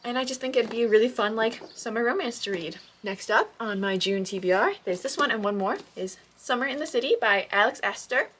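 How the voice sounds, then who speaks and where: A woman vlogging at home about books, chatting casually in an excitable, gushing way with lots of fillers. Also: fairly high pitch, a little fast, few pauses, a little hiss or hum. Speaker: book vlogger. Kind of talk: casual chat.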